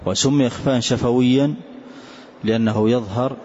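A man teaching a tajweed lesson, explaining slowly and reciting short words to demonstrate pronunciation. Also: medium pitch, steady tone, a little mellow. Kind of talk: classroom lesson on tajweed rules. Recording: dull lo-fi lecture recording with faint hiss.

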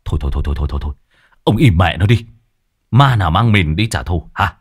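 A man's voice: low voice, lively intonation, fast, husky, no room sound, clean studio sound, full character voice. A man doing a stammering panicky young man. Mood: exasperated. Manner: stammering, pleading.

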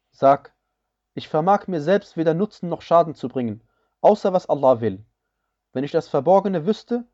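A man reading a scripture translation aloud in a measured, solemn way, each phrase evenly paced. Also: fairly high pitch, warm tone, lo-fi sound.

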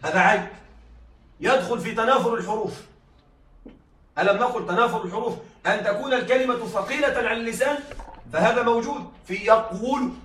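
A male teacher of Arabic rhetoric gives a classroom lecture, explaining step by step and often checking that his students follow. His voice is very high with a fairly bright tone, heard from far off in an echoey room.

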